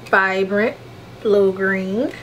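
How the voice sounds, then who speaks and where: A woman's voice: medium pitch, fairly even intonation, very slow, highs cut off, a little hiss or hum. A woman beauty vlogger chatting casually through a makeup unboxing, frank and slangy, calling her viewers "honey".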